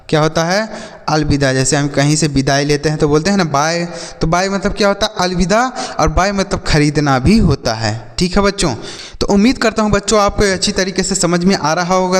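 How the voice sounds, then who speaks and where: A man's voice: fairly high pitch, long reverb tail. A man teaching children English spellings and meanings, spelling words out letter by letter and answering his own questions.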